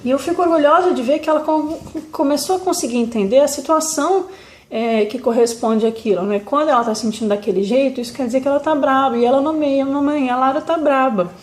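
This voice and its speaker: Gentle Brazilian mother in echoey room. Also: sits high, fast talker. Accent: Brazilian Portuguese. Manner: gentle and reflective, with frequent fillers and restarts. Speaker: mother sharing parenting advice. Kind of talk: casual talk to camera.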